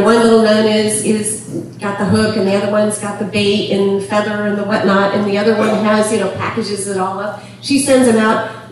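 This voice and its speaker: A middle-aged woman giving a chatty talk to an audience, laughing often and filling pauses with ums. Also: a little high. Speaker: speaker on temperament. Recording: echoey room from far off.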